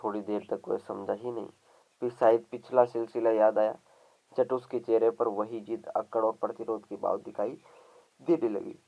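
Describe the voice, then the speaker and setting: A man's voice: on the low side, level tone, normal speed, gravelly, dull audio. A man teaching a literature lesson by reading a story aloud and lightly voicing its dialogue. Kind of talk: story reading for exam students.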